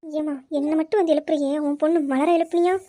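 A woman's voice: sits high, steady tone, fast talker, dark tone, close to an everyday voice. A woman playing a lazy, cheeky daughter who whines and talks back to her mother in a comic family skit. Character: cheeky, lazy, sulky girl who oversleeps.

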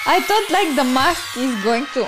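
A woman's voice: high-pitched, normal speed. A young adult woman giving casual, exclamatory reaction commentary on a film, close to a desk microphone in a small room. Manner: expressive, exclamatory. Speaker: reaction video host. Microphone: close desk microphone on boom arm. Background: film soundtrack music.

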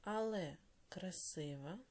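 Woman teacher dictating slowly and clearly. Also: on the low side, a little mellow. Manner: slow, clearly stressed dictation with quick explanations. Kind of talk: Ukrainian language lesson dictation.

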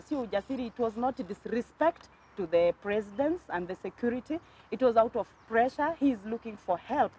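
A woman's voice: a little high, a little mellow, slight background noise, rough recording. A woman from Kenya with a Kenyan accent, hosting a talk show and addressing viewers in an emphatic, earnest way. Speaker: host.

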